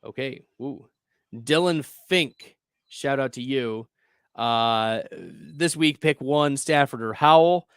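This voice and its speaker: A man hosting a casual fantasy football advice chat, upbeat and quick to laugh. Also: medium pitch, a bit bright, clear, resonant tone, dry recording, studio quality. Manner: chatty, upbeat, laughs easily. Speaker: fantasy football show host.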